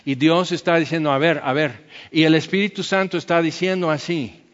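A man's voice: on the high side, steady tone, long reverb tail, lo-fi sound. A man preaching a sermon, breaking into sung hymn phrases to make his point and ending in prayer. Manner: slow, sings phrases of hymns to illustrate. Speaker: pastor.

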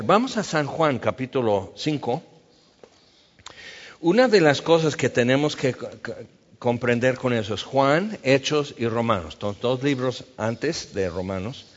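A man preaching a sermon in a conversational way, acting out the voices he quotes. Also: mid-range voice. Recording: dull sound with long reverb.

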